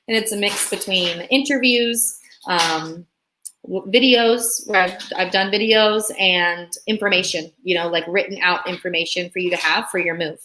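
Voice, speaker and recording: A young Russian-born woman working as a relocation consultant chats cheerfully with her live-stream audience. Her voice is medium in pitch with a sharp edge, and she reads viewers' comments out loud in an upbeat, talkative way.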